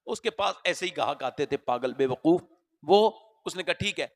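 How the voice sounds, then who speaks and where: A man's voice: a little high, animated. A male preacher giving an impassioned sermon at a religious gathering, telling stories dramatically.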